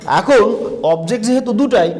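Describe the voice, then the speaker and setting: A man's voice: high-pitched, lively intonation, moderate pace, a little mellow. A man with a Bangladeshi Bengali accent teaching a grammar lesson in a school classroom, asking the class questions and repeating their answers. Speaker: English teacher.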